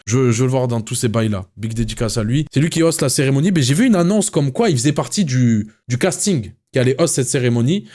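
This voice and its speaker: A man's voice: medium pitch, a little mellow. A male streamer in casual chat, slangy and rambling, with many fillers and restarts.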